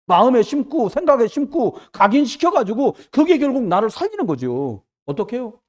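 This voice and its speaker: A man preaching a sermon as pastor in a church, jumping between loud exclamations and hushed asides. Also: very high voice, big pitch swings, a little fast. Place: church sanctuary.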